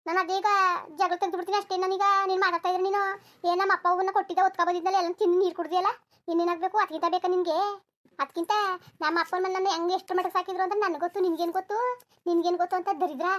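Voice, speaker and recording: A woman voicing an aggrieved, sharp-tongued village wife in a cartoon, scolding and resentful. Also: very high-pitched, fairly even intonation, racing. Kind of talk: cartoon voice acting.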